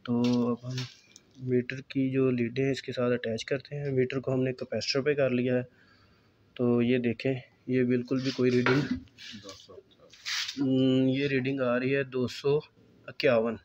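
Flat-voiced man explaining repairs. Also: medium pitch, unhurried, muffled recording, slight background noise. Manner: calm, explanatory, pointing things out. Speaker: repair technician. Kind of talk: step-by-step repair tutorial. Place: electronics repair workbench indoors.

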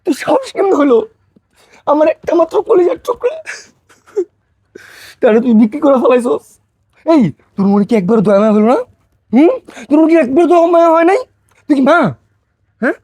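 A man playing a frantic village father, very high voice. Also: animated, fairly quick, long pauses, dry recording. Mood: furious. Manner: shouting, accusing, pleading. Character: distraught village father, home after long away. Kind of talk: amateur short film drama.

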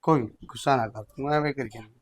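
A young man playing an easygoing younger son who tries to calm his angry mother. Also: medium pitch, fast talker, noisy background, close to an everyday voice. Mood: placating. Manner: placating, casual, brushing things off. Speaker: younger son in a family drama. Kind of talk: village web-series acting.

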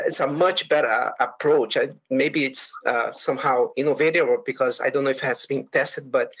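A man gives testimony at a city council hearing over a video call. His voice is gravelly and husky, and he speaks haltingly, restarting his sentences often. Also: medium pitch, fairly bright tone, poor audio. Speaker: applicant's architect.

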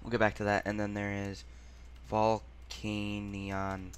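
Low, smooth-voiced man thinking aloud. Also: completely flat delivery. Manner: muttering, halting, sounds words out. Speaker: gaming channel host. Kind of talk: thinking-aloud quiz commentary.

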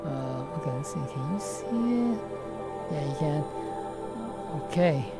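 Over loud music, a woman with a low-sitting voice speaks at a measured pace while streaming a VR game from a room at home, seated in her headset. Her casual commentary is rambling and hesitant, with many restarts as she thinks aloud during play.

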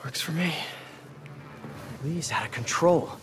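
An actor playing a young, wisecracking but earnest American superhero in a video game. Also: male voice, fairly high pitch, takes it slowly, over loud music. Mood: relieved.

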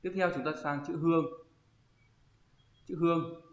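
A man teaching an online kanji lesson, often pausing and thinking aloud as he searches for the word. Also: fairly high pitch, fairly even intonation. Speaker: Japanese teacher. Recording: roomy, slightly dull audio.

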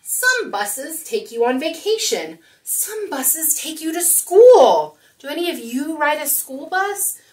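Picked up by a distant mic in a small indoor room, a thirty-something woman reads a picture book aloud to young kids and talks with them expressively at storytime. Her high voice swings widely in pitch and has a darkish tone, moving slowly with few pauses.

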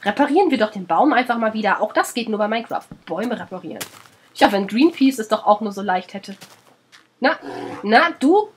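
A woman's voice: a little high, lively intonation, a little fast, a little hiss or hum. A woman with a German accent, sick and under the weather, chatting her way through a let's play, scolding the animals in the game and swearing casually.

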